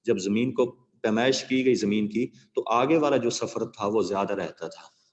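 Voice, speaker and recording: A man's voice: fairly low pitch, a little mellow, long reverb tail, lo-fi sound. A male teacher giving a classroom lecture on a poem, asking his students rhetorical questions and telling them moral stories. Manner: asks the class rhetorical questions and checks understanding.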